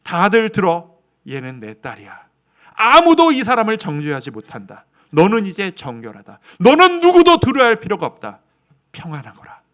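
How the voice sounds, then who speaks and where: A man's voice: sits high, huge pitch swings, normal speed, exaggerated voice. A man voicing a tender commanding savior. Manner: gentle yet proclaiming. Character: tender, commanding male savior speaking to a daughter.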